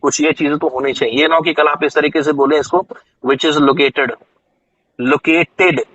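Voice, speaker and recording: A man with an Indian accent teaching a spoken English class online, slowly repeating phrases for his students. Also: fairly high pitch, fairly even intonation, a bit bright, slightly rough, muffled recording. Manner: slow, drawn-out repetition of English phrases for students.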